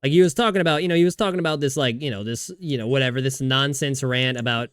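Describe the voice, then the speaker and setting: Male streamer, casual rambling chat, swears a lot, smooth clear voice, mid pitch. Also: quick pace, fairly bright tone, no echo. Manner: rambling, swearing, frequent restarts and laughter. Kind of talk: casual livestream chat while gaming.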